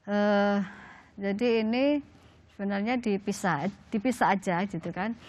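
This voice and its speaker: A woman's voice: medium pitch, a little slow, a little mellow. A middle-aged woman, a religious teacher answering questions on a talk show, chatty and laughing often between many fillers. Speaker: Islamic religious teacher, guest.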